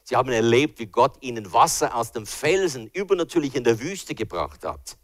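An older man preaching a sermon with personal testimony, swinging between hushed and loud and acting out voices. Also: mid-range voice, lively intonation, moderate pace, no room sound.

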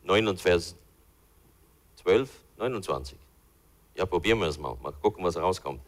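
A man's voice: low-pitched, lively intonation, normal speed. A man teaching from the Bible in an informal, conversational way, thinking aloud as he looks for verses. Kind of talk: informal Bible study talk.

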